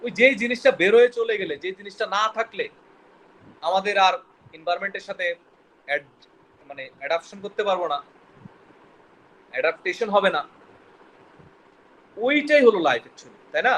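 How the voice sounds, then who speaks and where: A man's voice: high-pitched, lively intonation, normal speed, pauses often, a bit bright, a little hiss or hum, low-quality recording. A man teaching a biology class, quizzing students and mixing English terms into his explanations. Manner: quizzing, mixes English terms, stumbles over words. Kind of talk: classroom lecture with questions to students.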